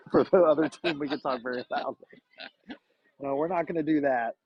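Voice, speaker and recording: Calling a youth baseball game from the sideline, this man keeps things chatty and relaxed and laughs a lot. His voice is a little high with a breathy edge at normal speed, and the recording is dry yet comes through as muffled lo-fi stream audio.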